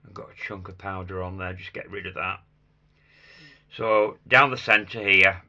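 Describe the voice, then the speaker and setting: A man with a croaky, hoarse voice giving a casual hands-on craft demonstration, muttering small asides to himself as he works. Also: low voice, fairly even intonation, a little slow, pushed and bright, dull audio. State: hoarse after a chest infection. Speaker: craft tutor demonstrating sugar flowers.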